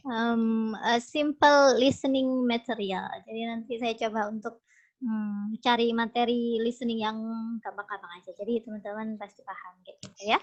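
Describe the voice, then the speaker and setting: A woman's voice: a little high, steady tone, moderate pace. A woman teaching an online English class, chatty and encouraging, often laughing as she mixes English with her own language. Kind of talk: casual online class talk mixing English and Indonesian. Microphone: video call. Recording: dull lo-fi video call audio.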